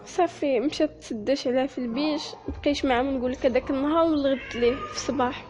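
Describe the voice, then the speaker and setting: A young woman with a Moroccan accent telling her own sad life story, halting and often near tears. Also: high-pitched, background noise. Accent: Moroccan Arabic. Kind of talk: personal story told to listeners.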